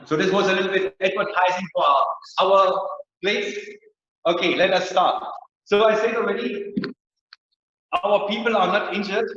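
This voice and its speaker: A man's voice: sits high, steady tone, normal speed, pushed and bright. A man teaching a rehabilitation therapy workshop online, explaining exercises in plain, simple phrasing, in a heavily echoing room with a dull, lo-fi sound. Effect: heavy echo chamber sound, dull lo-fi tone. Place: indoor rehab center rooms. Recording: very echoey room, muffled lo-fi sound.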